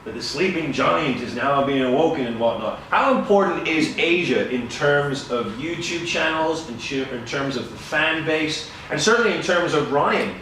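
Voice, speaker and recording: Male host, upbeat presenter talk, slightly high voice, distant echoey room sound. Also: lively intonation, normal speed, few pauses, fairly bright tone, slight background noise. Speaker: event host interviewer. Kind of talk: hosting a live interview to a room audience. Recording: echoey room mic heard from afar.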